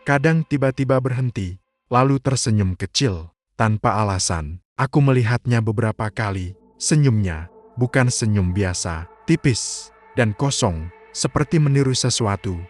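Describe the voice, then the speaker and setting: A man, narrating a scripted horror story in a slow, hushed, suspenseful way. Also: lowish voice, animated. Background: faint music.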